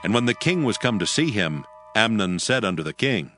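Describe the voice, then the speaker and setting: Low-voiced male narrator, solemn, steady, soft music behind. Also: fairly quick. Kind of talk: dramatized scripture narration.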